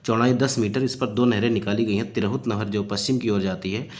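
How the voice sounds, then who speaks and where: Speaking fairly quickly in a steady, darkish, low-leaning voice, a male coaching teacher solves past exam questions for exam prep. He explains every answer using fillers and phrases he repeats.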